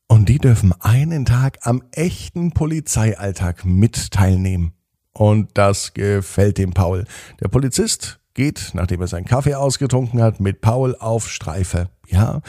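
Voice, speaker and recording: A man narrating a children's bedtime story, telling it gently and vividly while speaking to the child listening. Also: lowish voice, vocal fry, breathy edge, no echo, clean studio sound.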